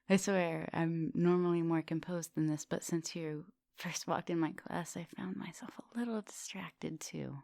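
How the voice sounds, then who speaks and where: A woman plays an ancient female vampire professor in an intimate ASMR roleplay, her very low voice carrying a gravelly fry. The recording is close and dry, with no echo. She uses composed, formal wording yet teases and softly commands, often dropping into whispers.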